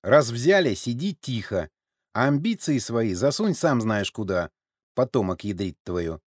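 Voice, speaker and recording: A man's voice: mid-range voice, big pitch swings, measured pace, no echo, clean studio sound. A man reading an audiobook, voicing a mocking, unpredictable man who snaps out harsh orders. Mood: barking. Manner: sarcastic, barking orders. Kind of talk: audiobook character voice.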